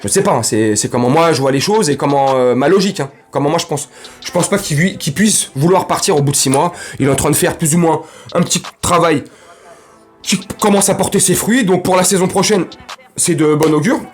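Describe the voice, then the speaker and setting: A man hosting a football fan vlog, ranting casually in street slang and breaking into loud outbursts and jokes. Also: a little high, a little fast, faint music behind. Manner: animated, slangy, bursts into shouting and laughs. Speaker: football fan channel host.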